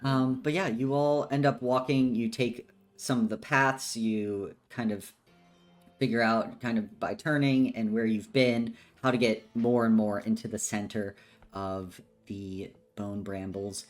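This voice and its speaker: Casting: unhurried male game master, easygoing delivery, lots of ums. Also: lowish voice, soft background music. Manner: slow, relaxed, with many fillers. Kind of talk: narrating a tabletop game.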